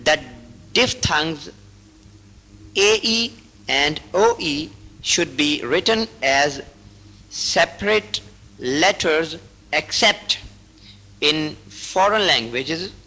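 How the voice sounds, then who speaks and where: A teacher reads braille rules aloud very slowly, breaking them into short phrases with pauses like a patient instructor. His voice is fairly high, bright, expressive and gravelly, and the recording is rough.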